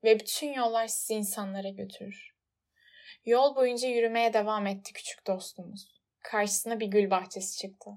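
A woman reads a storybook aloud in a measured, expressive narrating voice. Her pitch sits in the middle range and her delivery stays steady and even. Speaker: audiobook narrator.

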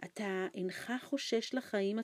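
A woman reading an audiobook, voicing a frightened, starving old man who talks in anxious, hushed pleas. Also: dry recording, lightly acted. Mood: fearful. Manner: anxious hushed pleading, raised pitch. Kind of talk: audiobook character voice.

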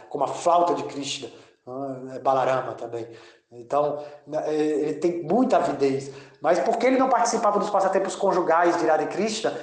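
A man giving a devotional audio talk as a spiritual teacher, speaking haltingly and drawing out chanted mantras. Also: fairly high pitch, darkish tone, roomy sound.

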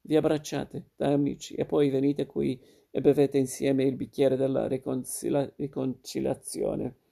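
A man's voice: mid-range voice, level tone, measured pace, gravelly, mellow. A man voicing a friendly male companion who soothes and coaxes in a storybook reading. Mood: coaxing. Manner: soothing, persuasive.

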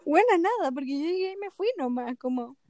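A young woman with a Chilean accent, recounting a story in animated, slang-filled casual chat. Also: high voice, a little fast, faint music behind.

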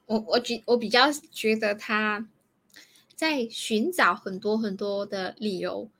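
A woman co-hosting an advice show, talking in a soft and thoughtful way. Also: mid-range voice, steady tone, measured pace. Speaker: co-host, advice teacher. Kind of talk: casual discussion.

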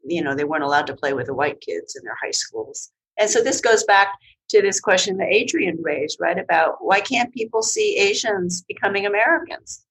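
Female academic panelist, lively up-and-down delivery. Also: lowish voice, normal speed, low-quality recording. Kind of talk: academic discussion.

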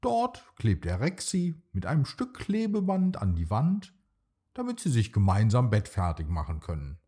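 A man narrating a bedtime story for children in a slow, soothing, expressive reading. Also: fairly low pitch, slightly rough.

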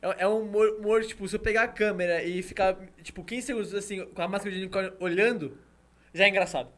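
Very fast-talking young man. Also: high voice, fairly even intonation, a bit bright. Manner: rapid, slangy, repeats himself. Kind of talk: casual chat.

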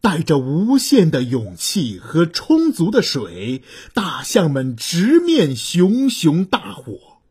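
A woman narrating a children's story slowly and expressively. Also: low-pitched, husky. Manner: slow, expressive, gentle. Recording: soft violin music behind.

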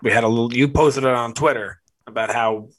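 A young man co-hosts a casual podcast. He talks excitably, stumbling and restarting his sentences as he goes. His voice sits at an ordinary pitch. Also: fairly quick. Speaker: podcast co-host.

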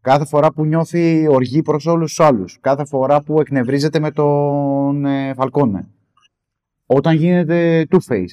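A man co-hosting a casual film discussion podcast, hesitant, with many fillers and lively jumps in pitch. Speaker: podcast co-host.

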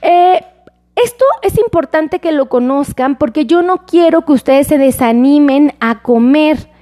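A Mexican woman doctor gives health advice on a livestream, reading viewer comments in casual talk. Her voice is high, her pace measured, and she's warm and chatty, fond of diminutives and quick to ask viewers to reply.

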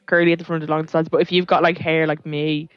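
A woman's voice: deep voice, flat delivery, rapid-fire, no room sound. A young woman chatting casually and candidly as a podcast co-host, self-deprecating and swearing freely. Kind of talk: casual chat. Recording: dull lo-fi podcast audio.

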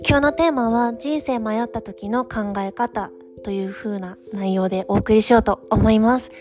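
Female podcast host, higher-pitched, conversational and encouraging coach, music underneath. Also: steady tone, moderate pace. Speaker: podcast host and France study-abroad career coach. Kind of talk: chatty solo podcast talk to listeners.

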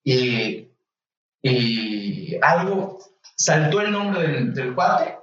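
A young Mexican man, a medical student, telling a story casually and lively, acting out the voices of the people in it. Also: mid-range voice, very slow, distant mic. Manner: animated, acts out voices in anecdotes. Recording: echoey room, voice off-mic, slightly dull.

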